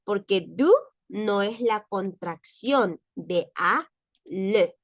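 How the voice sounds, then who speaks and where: A woman teaching a lesson who speaks slowly and patiently, pausing on fillers and asking the class why before she answers. Her voice sits in a middle register and sounds close and dry, with little room echo. She reads examples. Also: medium pitch. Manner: patient, explanatory, many fillers and repeated questions. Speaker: French teacher. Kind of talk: explaining grammar in class.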